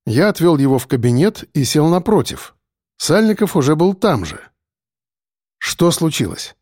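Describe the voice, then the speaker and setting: A man narrating an audiobook in a calm, measured way. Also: on the high side, no room sound, clean studio sound.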